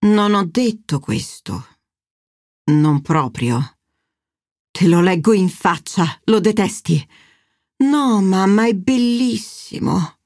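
A patient, weary adult daughter, in a woman reader's own voice. She speaks calmly and hesitantly, soothing rather than arguing. Her pitch moves a lot, and the sound is close and dry. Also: slow pace, pauses often, no room sound. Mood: placating. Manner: calm, placating, hesitant.

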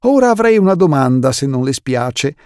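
A man's voice: medium pitch, big pitch swings, normal speed, a little mellow, smooth, dry recording, clean studio sound, voice pushed up, close to an everyday voice. A man voicing a stiff, formal middle-aged banker who speaks politely and a little awkwardly in an audiobook reading. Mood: stiffly polite.

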